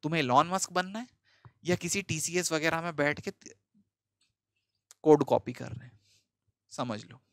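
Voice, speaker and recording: A man's voice: fairly high pitch, moderate pace, pauses often, a bit bright, no room sound, studio quality. A man, an online teacher giving a motivational talk to exam students in a direct, scolding but friendly way, repeating points for emphasis.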